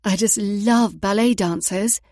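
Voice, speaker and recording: A woman's voice: mid-range voice, a little slow, warm tone, dry recording, studio quality, natural voice. A woman voicing a gushing, girlish female ballet fan with a British accent in an audiobook. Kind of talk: audiobook character voice.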